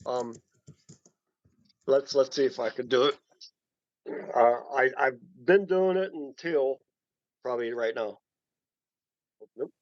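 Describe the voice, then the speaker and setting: A man speaking over a conference call from his cell phone, halting and repeating words as he explains a woodturning project. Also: mid-range voice, dry recording. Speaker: woodturning club member showing his work. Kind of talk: casual chat on a group call. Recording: dull dry phone-call audio.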